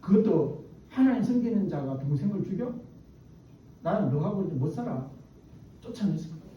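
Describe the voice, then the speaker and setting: A man's voice: high-pitched, warm tone, muffled recording. A male pastor giving a storytelling sermon in a church, asking the congregation questions, recorded distant in an echoey hall. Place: church sanctuary.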